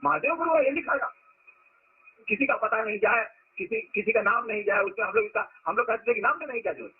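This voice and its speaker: In this lo-fi, phone-like recording, a man gives a spiritual discourse to followers, telling stories and emphasizing words to make his case. He is a spiritual teacher with a husky voice that sits high, and he talks fast.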